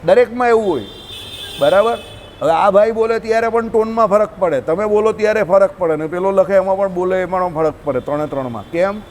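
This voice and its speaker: Gujarati man, informal religious teacher, high-pitched, chatty, quizzes his listeners. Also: a little fast, a little mellow, a little hiss or hum. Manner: conversational, asks listeners questions often. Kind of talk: informal scripture talk to a group.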